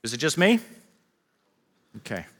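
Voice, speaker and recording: Male pastor, bright tone, ringing hall reverb, chatty joking sermon delivery. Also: medium pitch, wildly swooping pitch, unhurried. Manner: humorous, conversational preaching with rhetorical questions; father of children. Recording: long reverb of a large hall.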